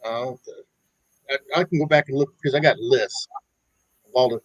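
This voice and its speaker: A man of middle pitch hosts the show in an easy, matter-of-fact way and holds his ground when the others disagree. His voice sits close and dry on the mic. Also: normal speed, no echo, muffled recording. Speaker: podcast host. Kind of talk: casual show wrap-up chat.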